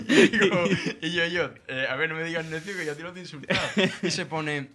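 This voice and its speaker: A man's voice: on the high side, brisk, crowd noise. A man telling a crude comic story, laughing and swearing as he goes. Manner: swears freely, laughs through his own story. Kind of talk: casual comedic storytelling.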